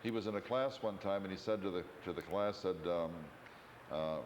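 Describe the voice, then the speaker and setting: Very deep-voiced rambling male host. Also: a little fast, in a large hall, slight background noise. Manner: rambling, digressive storyteller. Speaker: interviewer host. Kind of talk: local history interview. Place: community TV studio.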